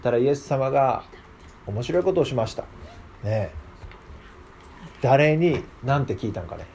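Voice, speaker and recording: A Bible class teacher, a man with a mid-range voice, speaks a little slowly over a faint hiss or hum. He leads a casual, interactive lesson in a lively way, often putting questions to the group.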